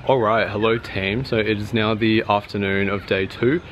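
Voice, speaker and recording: A man's voice: fairly low pitch, steady tone, normal speed, a little hiss or hum. A young adult man talking casually to camera in a video diary, chatty and informal with lots of filler words. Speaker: vlogger.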